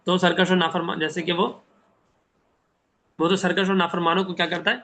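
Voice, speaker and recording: A man teaching a Quran translation class, reciting Arabic verses slowly and then explaining them with questions he answers himself. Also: high-pitched, flat delivery, fairly bright tone.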